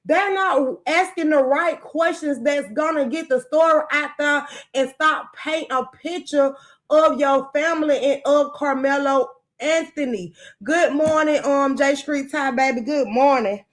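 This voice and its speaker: A podcast host with a high voice rants angrily on an unscripted livestream after a sleepless night, cursing freely in a raw, heated but unhurried delivery. She keeps breaking off to greet viewers by name.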